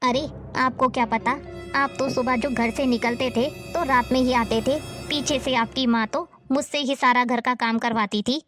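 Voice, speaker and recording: A woman's voice: sits high, fairly even intonation, moderate pace, a bit bright, faint music behind. A woman playing an older mother-in-law who nags and taunts in a family drama. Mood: scolding. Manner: scolding, taunting. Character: nagging older mother-in-law, harsh and scornful.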